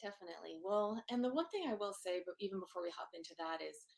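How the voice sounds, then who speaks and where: A soft-spoken woman in her thirties, with a lowish, gravelly-fried voice, shares a personal story as a guest on a video call from her home office. She talks openly and earnestly, leaning on plenty of fillers as she goes.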